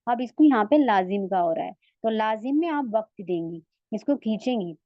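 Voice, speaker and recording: A woman's voice: a little high, expressive, normal speed, no room sound, dull audio. Patient woman tajweed teacher, Urdu accent. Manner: patient, asks checking questions; stretches out the sounds she demonstrates. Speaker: Quran recitation teacher. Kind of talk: online tajweed lesson.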